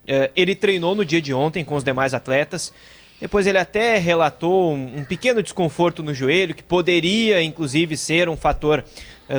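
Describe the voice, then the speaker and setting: Man, high voice, live field reporting, explanatory, halting pauses. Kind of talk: live unscripted news report. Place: inside a hotel, live on camera.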